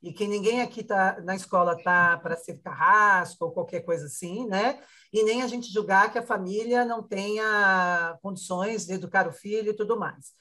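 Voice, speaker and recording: A woman's voice: mid-range voice, normal speed, sharp tone. A woman, a member of a school's staff, answering questions over a video call in a hesitant way with many fillers. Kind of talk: conversational panel answer.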